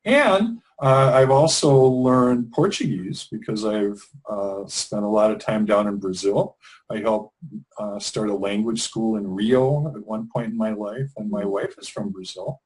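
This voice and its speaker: A low-voiced man from Wisconsin, USA, speaks at a measured pace on a poor-quality recording. He's an English teacher trainer guesting in a conversational interview, relaxed and rambling, with frequent restarts and fillers.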